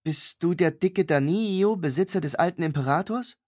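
A man's voice: a little high, moderate pace, voice pushed up, natural voice. A male audiobook reader voicing a proud young woman who speaks with stiff, forced politeness. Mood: indignant. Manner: stiffly formal, forced calm. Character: young woman, proud, sharp-tongued acolyte.

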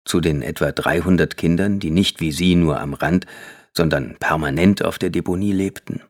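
A man reading a novel aloud as an audiobook narrator, in steady, measured scripted narration. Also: low-pitched.

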